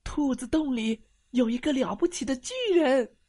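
A squeaky frightened little cat. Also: male voice, moderate pace, mellow. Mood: scared. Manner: high squeaky yelps. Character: small scared cat, easily frightened.

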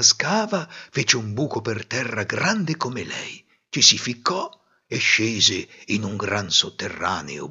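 A man narrating a fairy tale with expressive, animated storytelling. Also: on the low side, breathy edge, highs cut off.

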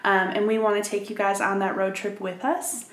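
A woman's voice: mid-range voice, flat delivery, normal speed. A woman from Minnesota co-hosting a true crime podcast, upbeat with wry quips. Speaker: podcast co-host. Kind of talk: casual true crime chat. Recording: roomy echo.

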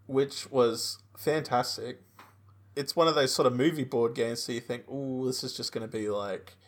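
A man's voice: medium pitch, steady tone, normal speed. An Australian man co-hosting a podcast, chatting casually and telling anecdotes. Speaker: podcast co-host.

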